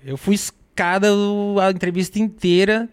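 A man's voice: sits high, normal speed, clear, resonant tone. A man with a Brazilian Portuguese accent, a guest telling casual stories full of street slang. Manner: animated storyteller with street slang. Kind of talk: casual storytelling interview.

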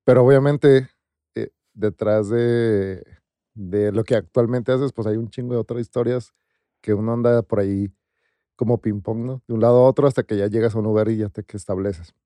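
A man's voice: on the low side, steady tone, moderate pace, mellow, no room sound, clean studio sound. A Mexican man hosting a podcast, asking loose, hesitant questions. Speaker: podcast host. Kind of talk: casual podcast interview.

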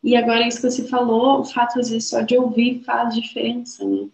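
A woman's voice: a little high, flat delivery, fairly quick, a little mellow. A woman co-hosting a podcast, talking reflectively in casual chat. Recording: roomy, slightly dull sound.

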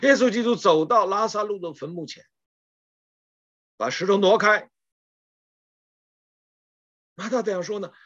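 A woman's voice: medium pitch, unhurried, pauses often, muffled recording. A woman preaching a sermon, retelling scripture stories with emphatic rhetorical questions.

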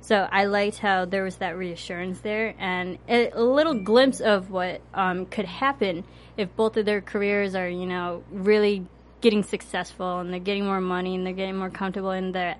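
A woman's voice: medium pitch, steady tone, normal speed. Earnest young woman in her twenties. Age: 20s. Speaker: co-host. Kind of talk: casual TV recap chat.

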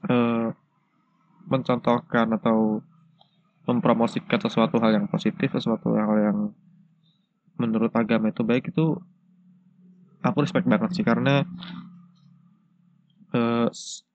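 Stuffy-nosed man, flat halting podcast talk. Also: medium pitch. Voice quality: stuffy, congested nose from a cold. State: has a cold with a blocked nose. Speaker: podcast host. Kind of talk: casual solo podcast talk. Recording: dull lo-fi, dry sound.

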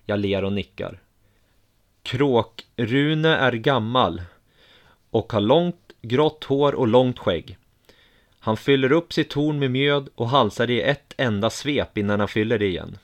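A man calmly reading a first-person story aloud in an even, measured way. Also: medium pitch. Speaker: narrator.

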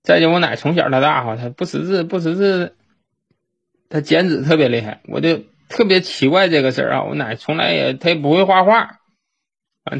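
A man with a Northeastern Mandarin accent, recalling a family memory in a halting, repetitive way with frequent restarts. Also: on the high side, vocal fry, husky. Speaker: storyteller. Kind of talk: personal reminiscence monologue. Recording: dull lo-fi recording.

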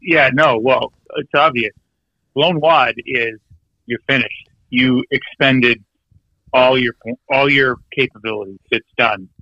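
Bright-voiced man calling in. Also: medium pitch, slow, no room sound, lo-fi sound. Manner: confident, explains slang plainly. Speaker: guest caller. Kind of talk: casual chat.

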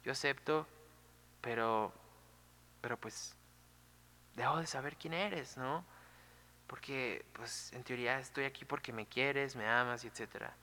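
Young mortal bride, pleading, casual; man voicing her, bright, in a reverberant hall. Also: medium pitch, measured pace, pauses often.

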